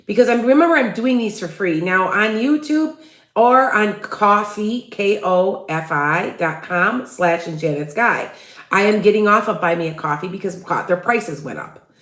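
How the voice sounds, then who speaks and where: This psychic livestream host has a medium-pitched, fairly bright voice and a Chicago accent, being from the Midwest US. She talks in rambling, often restarted sentences, asks viewers for tips, and sounds like she's in an echoey room.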